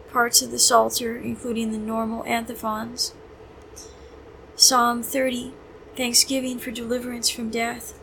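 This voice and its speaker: A woman reads the evening prayer and psalms in a measured, reverent voice, slightly high-pitched and very even in tone. Her delivery barely rises or falls, and a faint noise sits under the recording. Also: rough recording. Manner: measured, reverent recitation with brief plain asides. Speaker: prayer leader. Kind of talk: reading the Liturgy of the Hours aloud.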